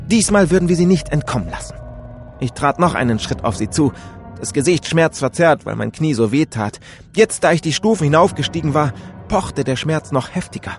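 A male narrator reads a tense first-person story with a lively, rising and falling delivery. His voice sits a little higher than most men's. Faint music plays under the reading. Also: a little fast. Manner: animated, dramatic reading with many character voices. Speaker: audiobook reader.

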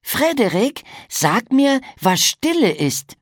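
A woman voicing an excitable young piglet who is the little brother. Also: takes it slowly, no echo, clean studio sound, heavily acted. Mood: curious. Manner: squeaky and loud.

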